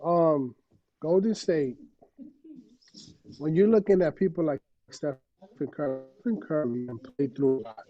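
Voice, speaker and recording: A man's voice: on the high side, a little slow, long pauses. A man in a casual sports chat whose voice keeps breaking up and cutting out over a bad call connection. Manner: talks in bursts, restarts words when the signal drops. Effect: voice breaking up, cutting in and out over a bad call line. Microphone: wireless earbuds on a call. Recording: muffled lo-fi call audio.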